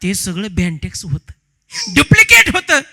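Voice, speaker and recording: A man doing a calm, soothing husband. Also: high voice, normal speed, gravelly, soft background music, heavily acted. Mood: explaining. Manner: soothing, repeating himself. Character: calm husband amused by fake gold.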